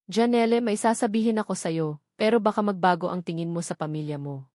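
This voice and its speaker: Confiding older neighbor woman, read by a woman narrator, hushed and dry. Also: mid-range voice, brisk, no room sound, close to an everyday voice.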